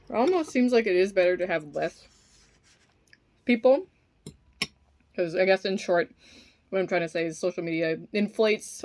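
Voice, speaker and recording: A woman chatting casually and musing in a halting, informal way while eating, sometimes with her mouth full. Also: on the low side. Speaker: vlogger eating on camera. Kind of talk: casual rambling opinion talk while eating.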